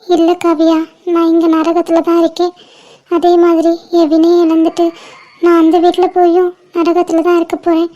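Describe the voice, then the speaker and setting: A woman voicing a gentle, resigned young woman about to be married, soft-spoken and tender in an amateur audio drama. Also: very high-pitched, completely flat delivery, moderate pace, highs cut off. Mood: sorrowful. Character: sorrowful young bride-to-be, gentle elder sister. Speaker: elder sister.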